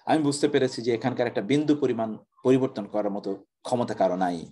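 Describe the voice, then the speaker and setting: Pleading male book seller from an old story, voiced by a lecturer, everyday voice, mid pitch. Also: fast talker, mellow, lightly acted. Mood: explaining. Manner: pleading then explaining. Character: clever old-time scribe and book seller, a man. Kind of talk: quoted story within a lecture.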